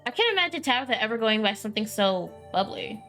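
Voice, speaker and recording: Brief: friendly small-town young woman, folksy and wry, pitched a bit high, read by a woman gamer, soft music under. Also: very animated, fast. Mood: chatty.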